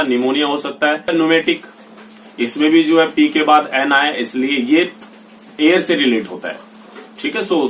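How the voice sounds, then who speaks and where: A male teacher giving a spoken grammar lesson, slowly reading out English example sentences one by one. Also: on the high side, a bit bright, far from the mic, a little hiss or hum. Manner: explains slowly, reads English examples out deliberately. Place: indoors with rain heard outside. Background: rain.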